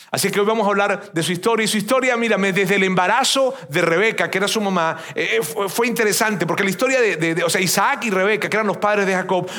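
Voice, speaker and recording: A Venezuelan pastor in his fifties gives a loose, chatty sermon to his church congregation. His voice is high for a man and a bit bright, and he stumbles over and repeats words while often turning to his listeners with little questions.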